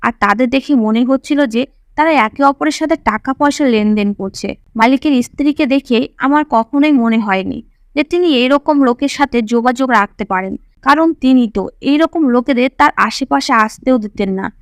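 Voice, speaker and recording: A woman narrating a suspense story in steady, scripted first-person storytelling. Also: high voice, normal speed, dry recording.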